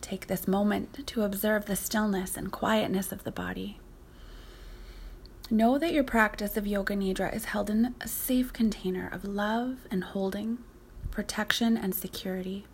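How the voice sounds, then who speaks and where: A yoga nidra teacher, female, talks her listeners through the meditation in a near-whisper, soft and breathy, slow and reassuring as she gently instructs. The pitch is medium, the intonation fairly level, and there's a little hiss or hum on the audio.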